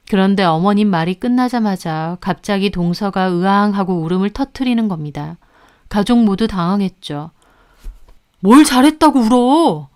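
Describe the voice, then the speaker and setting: A woman tells a family drama in the first person, narrating steadily and calmly. Her voice is smooth and clear at an ordinary pitch, with an even storytelling pace. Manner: calm storytelling. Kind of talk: scripted narration.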